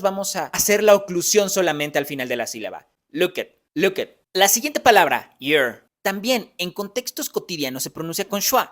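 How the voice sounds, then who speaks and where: A man's voice: sits high, fairly bright tone. A man teaching English pronunciation in a phonetics lesson, patiently explaining each sound step by step.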